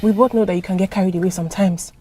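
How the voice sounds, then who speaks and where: An actress playing a calm, frank coworker who teases and advises plainly. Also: female voice, medium pitch, very fast, slight background noise, natural voice. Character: level-headed woman coworker, frank and calming.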